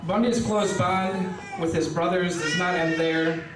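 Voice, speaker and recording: A young man reading a rhyming best-man toast aloud from paper at a wedding reception, pausing for laughs. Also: high voice, fairly even intonation, background noise. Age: young adult. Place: wedding reception hall, indoors. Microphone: stand mic, filmed by a far camera. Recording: roomy hall audio from a distant camera. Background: guests laughing.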